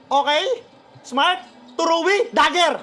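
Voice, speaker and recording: High, bright man reacting to basketball. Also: takes it slowly. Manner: shouts, swears and laughs at plays, calls out players. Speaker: fan reacting live to a basketball game. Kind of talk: excited live game reaction.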